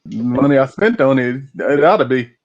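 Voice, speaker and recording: An easygoing man joking along at a tabletop game, stammering a little as he speaks. His voice sits at an ordinary pitch for a man. It comes through a dull, lo-fi mic. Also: lively intonation, normal speed, slight background noise. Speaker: player. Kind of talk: casual banter at a game table.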